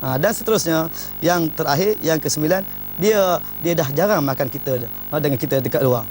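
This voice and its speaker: A fast-talking man gives marriage advice in an informal talk. His voice sits a little high, and he presses his points emphatically, often starting his lines with "ha". A faint hum runs under the recording. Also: animated, darkish tone. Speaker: speaker giving marriage advice.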